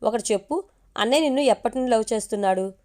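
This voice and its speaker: A woman's voice: on the high side, quick pace, darkish tone, natural voice. A woman voicing a playful, teasing young wife in an audio story. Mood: chiding.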